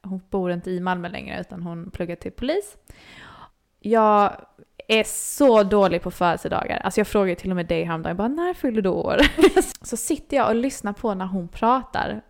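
A woman's voice: medium pitch, vocal fry. A young woman co-hosting a casual chat podcast, telling stories with animation and acting out her own reactions. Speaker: podcast co-host.

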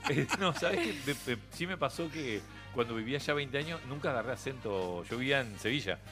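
Here a middle-aged man with a Uruguayan accent guests on a relaxed radio show, sharing stories with frequent laughter and many restarts. He speaks briskly in a mid-range voice with lively intonation, music playing in the studio background.

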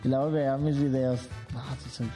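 A man's voice: mid-range voice, steady tone, brisk, loud music behind the voice. A man from León, Guanajuato, a podcast guest who speaks shyly and hesitantly with many fillers. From León, Guanajuato, Mexico. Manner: shy, hesitant, filler-heavy. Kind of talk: casual interview.

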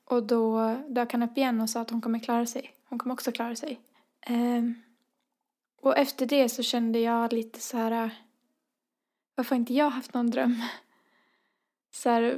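A woman's voice that's on the high side yet dark in tone. She's a podcast co-host in her twenties, casually telling a personal story with many fillers and dialogue acted out.

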